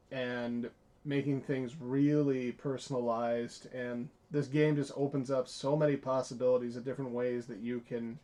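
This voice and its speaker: A man's voice: medium pitch, warm tone. A man in casual unboxing chat, talking with upbeat enthusiasm and casual hedges. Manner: upbeat, enthusiastic, hedging with "I feel like". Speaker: co-host.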